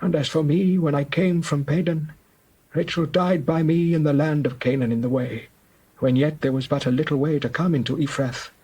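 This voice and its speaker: A man voices a dying Hebrew patriarch, old and frail, in a dramatized scripture recording. The voice is raspy yet mellow and fairly high, measured and grave, tender and solemn as he reminisces.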